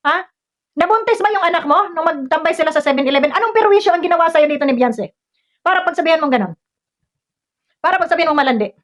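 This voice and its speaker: Fast scolding high-voiced Filipina woman. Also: expressive, fairly bright tone. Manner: scolding, confrontational, many rhetorical questions. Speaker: vlogger ranting at a commenter. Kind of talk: heated commentary rant. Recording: dull lo-fi recording.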